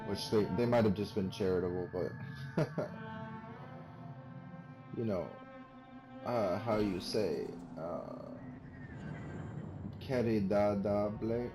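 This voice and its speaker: A man's voice: deep voice, slow pace, long pauses, over music, low-quality recording. A man giving casual, rambling gameplay commentary with wry, self-mocking jokes. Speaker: let's play commentator.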